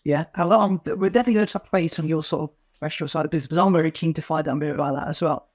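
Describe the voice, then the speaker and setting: A man's voice: on the high side, fairly even intonation. A man hosting a podcast, asking questions in an eager, casual way with fillers. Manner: eager, quick interviewer with fillers. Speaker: podcast host. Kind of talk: casual interview chat.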